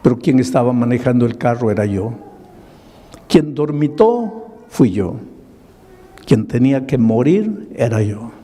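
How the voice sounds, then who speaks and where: Male pastor, slow and mellow, dramatic sermon storytelling, big reverberant hall. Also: mid-range voice, expressive, husky. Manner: slow, dramatic retelling with quoted dialogue. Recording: long reverb of a large hall.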